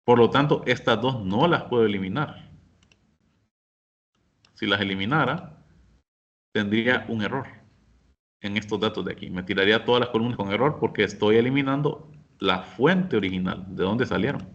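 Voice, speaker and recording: A man teaching a software class, explaining each step patiently and speaking directly to his students. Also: fairly low pitch, moderate pace, pauses often, highs cut off. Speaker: instructor. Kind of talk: screen-share software lesson.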